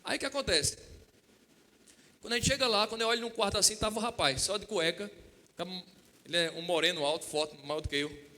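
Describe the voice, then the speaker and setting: Male pastor, high bright voice, lively sermon stories, long church reverb. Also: brisk, long pauses. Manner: asks the congregation "Amém?" and "Quem entende?"; lively retelling with acted-out dialogue. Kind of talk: storytelling sermon.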